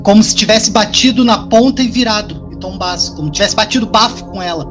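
A man co-hosting a podcast, telling a personal story in casual, animated, profane chat. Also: sits high, fast talker, over music.

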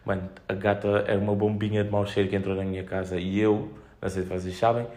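A man's voice: on the low side, little pitch movement, fast, darkish tone. A young man with a European Portuguese accent, chatting casually on his own in a slangy, sweary, joking way, telling rambling anecdotes as a podcast host.

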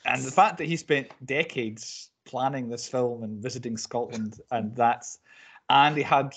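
A man hosting a casual film podcast, talking in an animated, rambling way and often correcting himself. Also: medium pitch, unhurried, slightly rough. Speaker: podcast host.

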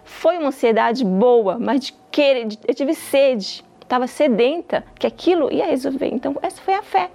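A woman's voice: high voice, expressive, moderate pace, creaky, few pauses, a little mellow. A woman, a nurse, telling her personal faith testimony in an earnest storytelling way, acting out the lines of the people she quotes.

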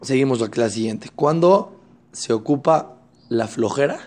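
A man giving a religious lesson on Torah ethics, talking in an animated way and acting out the people he quotes. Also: medium pitch, a little slow. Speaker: Torah teacher.

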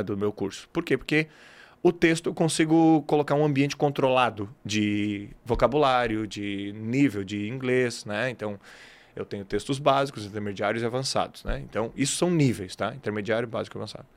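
A man in a casual podcast conversation, explaining his ideas as an English teacher. He talks emphatically and animatedly, mixing in plenty of casual slang. His voice sits in an average pitch. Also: fairly quick.

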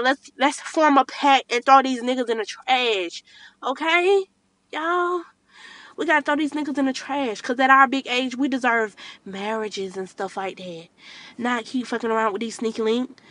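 A woman's voice: a little high, pushed and bright. A young woman, podcasting in a car at night, giving blunt, profane advice to her listeners. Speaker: podcast host. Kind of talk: casual rant to listeners.

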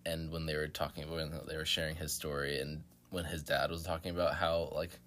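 A man co-hosting a sports podcast, talking informally and a bit haltingly, with "like" dropped in often. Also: rumbling low, flat delivery, a bit bright. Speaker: podcast co-host. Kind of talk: casual sports podcast chat.

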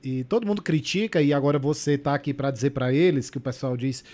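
A man's voice: medium pitch, fast, darkish tone. A Brazilian man hosting a podcast, who prompts his guest with questions and jokes in casual chat. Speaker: podcast host.

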